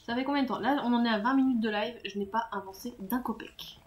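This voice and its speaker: A woman's voice: fairly high pitch, fast. A woman chatting casually with her viewers while live-streaming a game, self-mocking and laughing at her own mistakes. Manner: self-mocking, talks to chat, laughs often.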